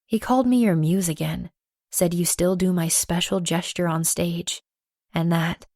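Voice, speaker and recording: A woman narrating a first-person romance audiobook, playful and lively with acted dialogue. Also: fairly low pitch, measured pace, dry recording, clean studio sound.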